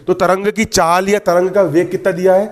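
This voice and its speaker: High-voiced science teacher drilling students. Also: male voice, little pitch movement, moderate pace. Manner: repeats questions to the class and answers them himself; joking asides to students. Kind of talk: exam-prep lesson.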